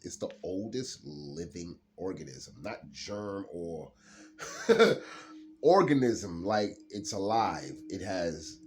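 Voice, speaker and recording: A man's voice: low voice, darkish tone, a little hiss or hum. A man doing a late-night solo card reading, rambling and laughing often as he drawls through his thoughts. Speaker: card reader.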